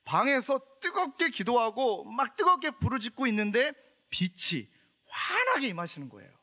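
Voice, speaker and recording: A man's voice: very high voice, huge pitch swings, normal speed, sharp tone. A middle-aged man, a pastor, preaching a sermon with humorous storytelling and questions to the congregation.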